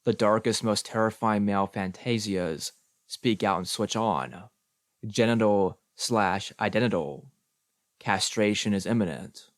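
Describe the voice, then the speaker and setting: A man reading experimental prose for an audiobook, slow and deliberate, in measured, clipped phrases. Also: fairly low pitch, no echo, clean studio sound. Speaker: audiobook reader.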